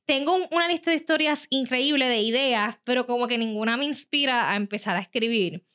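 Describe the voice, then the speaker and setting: Bright, high-voiced Puerto Rican woman speaking Spanglish. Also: fairly quick, clean tone. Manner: Spanglish, freely mixing English phrases into Spanish; animated, colloquial storytelling. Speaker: interview guest, writer. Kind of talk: casual conversational interview.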